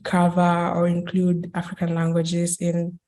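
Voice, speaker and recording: A woman's voice: lowish voice, monotone, unhurried, mellow. A woman in her twenties from Kenya giving an online academic talk, hesitant with many fillers and restarts. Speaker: guest speaker.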